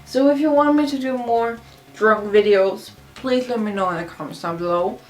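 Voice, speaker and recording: A woman's voice: a little high, normal speed. A drunk woman who is not a native English speaker, rambling casually and confessionally in a video blog, often repeating herself. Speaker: video blogger. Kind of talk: casual rambling monologue to camera.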